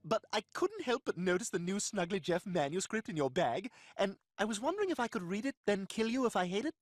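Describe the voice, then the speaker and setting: High-pitched cartoon stalker fan, fussy and sing-songy, totally dry mic. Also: male voice, sing-song, a little fast, no echo. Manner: sing-song, mock-polite, fussy. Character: deranged obsessive male superfan, petty and menacing. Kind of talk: cartoon voice acting.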